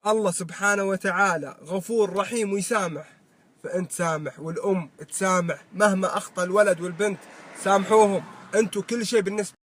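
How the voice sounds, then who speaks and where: Fast, high-voiced Saudi man preaching. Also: fairly even intonation, fairly bright tone. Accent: Saudi Arabic. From Saudi Arabia. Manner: preachy, swears oaths often, fervent. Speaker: social media creator. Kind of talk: impassioned moral advice monologue.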